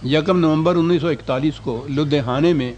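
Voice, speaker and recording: A man's voice: on the high side, darkish tone, dull audio, slight background noise. An older man giving a scholarly lecture, reading out historical quotations and putting rhetorical questions to his audience.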